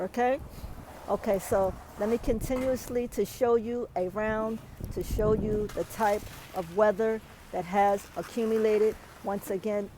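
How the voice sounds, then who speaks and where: A woman's voice: fairly high pitch, darkish tone, slight background noise, rough recording. A woman, out of breath, filming a weather vlog outdoors in a snowstorm and often adding "okay?" to her emphatic advice. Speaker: vlogger.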